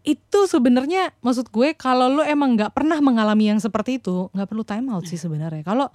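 A woman co-hosting a casual podcast chat as a parenting counselor, encouraging and quick to agree. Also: fairly high pitch, darkish tone, no room sound, clean studio sound. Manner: encouraging, frequent agreeing backchannels.

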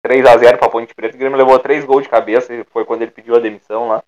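A man giving his opinions in a casual football debate, halting and restarting often. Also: mid-range voice, little pitch movement, darkish tone, highs cut off. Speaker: football pundit.

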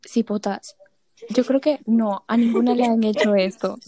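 A woman's voice: on the high side, a little slow, a crowd in the background. A young woman from Honduras, telling stories in casual chat and acting out the voices she quotes. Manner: animated storyteller, acts out quoted voices.

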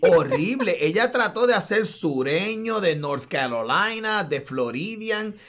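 A man, co-hosting a casual film review podcast, animated and slipping English words into his talk. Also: high-pitched, measured pace. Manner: animated, mixes English into Spanish, many restarts. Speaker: podcast co-host.

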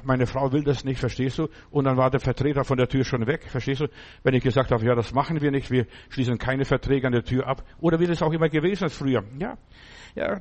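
Folksy rambling male preacher. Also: a little high. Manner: folksy, rambling, keeps asking "verstehst du?". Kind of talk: sermon.

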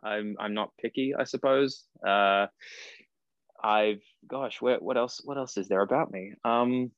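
Australian man, early thirties, guest actor: low voice, loose and rambling, dry lo-fi call sound. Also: unhurried, no echo. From Cairns, far north Queensland, Australia. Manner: rambling, self-correcting, laughs at himself. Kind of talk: casual podcast interview. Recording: dry, dull lo-fi call audio.

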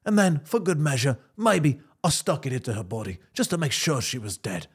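A man voicing a polite British gentleman with a British accent, husky and lively. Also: medium pitch, full character voice. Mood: mock-polite. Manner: mock-polite, slow and soothing. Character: suave British gentleman murder suspect, polite.

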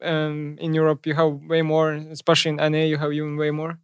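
A man's voice: a little high, completely flat delivery, a little fast, clean tone, no echo, muffled recording. A young man from Slovenia with a Slovenian accent, a gamer guest chatting casually in a blunt, nonchalant way. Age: young adult. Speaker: esports pro gamer guest. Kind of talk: casual interview chat.

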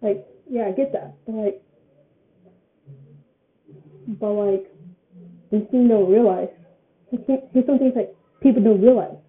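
A woman's voice: mid-range voice, slow, long pauses. Rambling eighteen-year-old woman, tinny sound. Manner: rambling, repeats phrases often. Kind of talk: casual opinion vlog.

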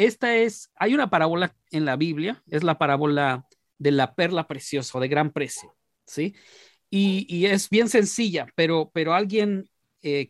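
A man's voice: on the high side, no echo, clean studio sound. A man preaching a sermon, telling a parable in a conversational way with frequent restarts and repeated words. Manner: conversational, with many restarts and repetitions. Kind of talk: storytelling sermon.

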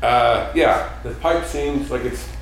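A man's voice: medium pitch, slow pace, vocal fry. A man playing a blunt, matter-of-fact plumber who swears casually, in an improvised comedy scene recorded in an echoey room from a distance. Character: blunt, slightly judgmental male plumber. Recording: echoey room from far off, faint noise.

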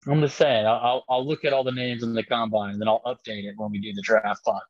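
Relaxed male podcast co-host, mid pitch, muffled dry sound. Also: fast, no echo. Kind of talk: casual chat. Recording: slightly dull lo-fi audio.

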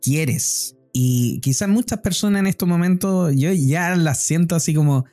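A man with a Chilean accent sharing personal reflections in a podcast chat, speaking thoughtfully with frequent pauses. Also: a little high, warm tone, soft background music. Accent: Chilean Spanish. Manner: thoughtful, personal, many "eh" fillers. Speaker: co-host.

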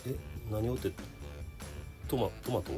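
A woman playing a timid, insecure middle-aged male radio co-host who speaks a fake Kansai accent and mumbles and hesitates, turning gruff when annoyed. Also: extremely low pitch, moderate pace, mellow, soft background music. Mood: awkward, hesitant. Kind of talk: comedy radio sketch.

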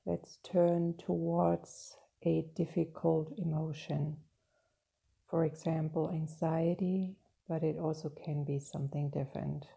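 A woman guiding a meditation in a slow, soft and soothing manner, with long pauses. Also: low-pitched, flat delivery, gravelly, breathy edge. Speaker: meditation guide. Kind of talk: guided meditation.

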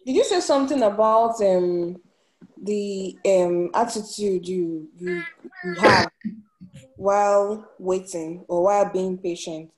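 A woman's voice: mid-range voice, takes it slowly, low-quality recording. A woman in an online discussion group on a video call, hesitantly explaining what she learned about patience. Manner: hesitant, searching for words with many ums. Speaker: group member. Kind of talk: casual online group meeting.

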